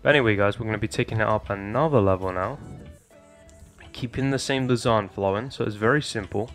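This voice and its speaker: A young man narrates a casual Minecraft building tutorial, addressing viewers as "guys" and moving briskly through the steps. His fairly low voice is slightly hoarse, like he's losing it, against faint background music.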